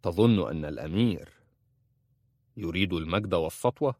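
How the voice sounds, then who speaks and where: A man voicing a calm, measured young prince in disguise in an audiobook. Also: sits low, no echo.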